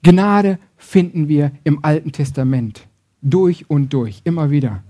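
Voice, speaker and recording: A man preaching a sermon, switching between loud emphasis and soft, intimate passages, acting out quoted voices and often adding "ne?". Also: fairly high pitch, unhurried. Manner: acts out quoted voices, uses tag question "ne?".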